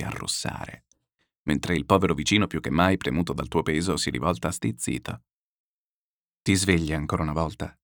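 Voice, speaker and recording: A man reading a literary text aloud, declamatory and lyrical, with slow solemn pauses. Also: sits low, no echo, clean studio sound. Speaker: reader.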